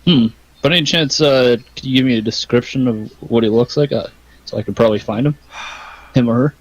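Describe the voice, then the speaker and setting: A man's voice: mid-range voice, a little fast, muffled recording. Joking Canadian man at a game table. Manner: joking, swears casually. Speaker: player. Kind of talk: casual chat during a tabletop game.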